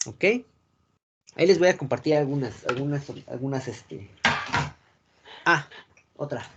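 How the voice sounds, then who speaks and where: Brief: Mexican man lecturing a class, mid-pitched, keeps asking if students follow, muffled sound. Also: expressive, unhurried, noisy background. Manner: frequent filler "este" and restarts. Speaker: teacher. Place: classroom with a board.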